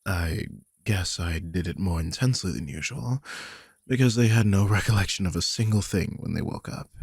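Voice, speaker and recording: In a dramatic audio roleplay, a man voices one side of a conversation as a worried, guilty vampire king protective of his charge. His low, husky, breathy voice is exaggerated as he confides wearily, sighing and swearing, in a clean studio recording with no room sound.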